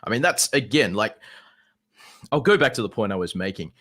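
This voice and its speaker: A man's voice: fairly low pitch, expressive, a little fast, sharp tone. A young man arguing casually in an online debate, informal and sweary, with a dismissive, exasperated way of talking. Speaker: debate participant. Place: online voice call.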